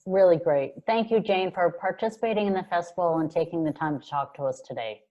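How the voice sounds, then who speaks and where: A woman's voice: lowish voice, fast talker, warm tone. A woman interviewer for a festival, encouraging and brief with her affirmations, on a video call. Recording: dull lo-fi video call audio.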